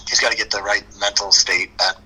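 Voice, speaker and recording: A man's voice: on the low side, steady tone, moderate pace, a crowd in the background, low-quality recording. A man, a longtime motocross racer, talking bluntly and with many restarts in a casual podcast chat.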